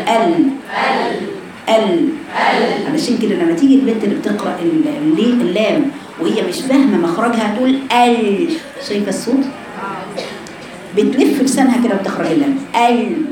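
A woman with an Egyptian accent teaching a recitation lesson to women, explaining slowly and voicing letter sounds aloud to demonstrate. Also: medium pitch. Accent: Egyptian Arabic. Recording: echoey room with background noise.

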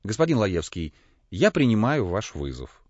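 A man voicing a calm, contemptuous male zoologist who speaks in a cool, measured way. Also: fairly low pitch, no room sound. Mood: cold calm. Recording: dull, dry lo-fi recording.

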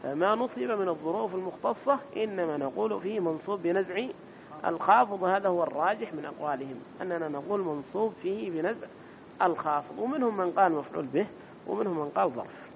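A man's voice: fast, gravelly. A man giving a grammar lesson in a mosque, repeating key terms and quizzing his listeners with short questions. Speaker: teacher of Arabic grammar. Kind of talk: classroom lecture explaining grammar. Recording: dull lo-fi recording with faint rumble.

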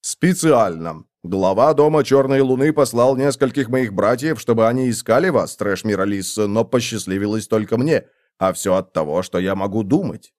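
A man's voice: lowish voice, normal speed, darkish tone, close to an everyday voice. A man voicing a rude, cocky tiny male fairy messenger who snaps out insults. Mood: boastful. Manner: snappy, insulting.

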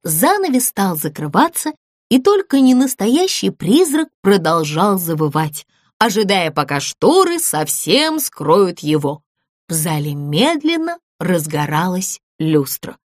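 Expressive woman reading a children's story. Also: on the low side, measured pace, no room sound, clean studio sound. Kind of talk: children's audiobook narration.

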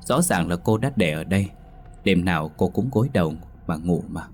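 A man narrating a ghost story in a slow, measured, suspenseful scripted style. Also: low voice, expressive, a little hiss or hum.

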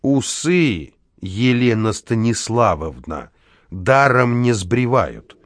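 A man voicing a boastful, ironic middle-aged male locksmith who shouts and sneers in an audiobook. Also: mid-range voice, very animated, takes it slowly, dry recording, clean studio sound.

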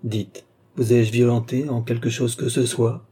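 Male narrator as a phlegmatic count who commands, husky, dark tone. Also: mid-range voice, level tone, unhurried. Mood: cool commanding. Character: cool, domineering male count, mesmerist. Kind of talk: audiobook character reading.

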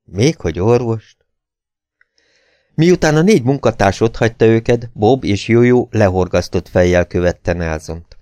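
A man narrating an audiobook in a steady, measured reading. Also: fairly low pitch, no room sound, studio quality. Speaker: audiobook reader.

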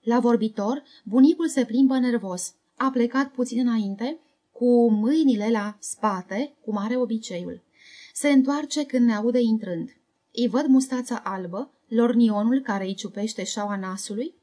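A woman narrating a memoir novel as an audiobook, in a calm, measured, reflective reading. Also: on the high side.

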